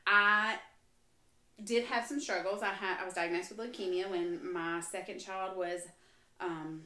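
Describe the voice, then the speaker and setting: A woman's voice: medium pitch, steady tone, unhurried, sharp tone, reverberant. A woman who is a guest on a faith podcast, telling her story in an earnest way, with frequent restarts and fillers.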